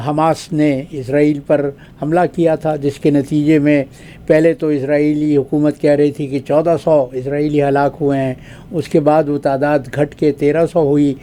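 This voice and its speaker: This is formal commentary from a retired diplomat from Pakistan, now a guest analyst, an older man whose voice is slightly high yet mellow. He speaks in a measured way, leaving long pauses and stretched-out fillers between his points.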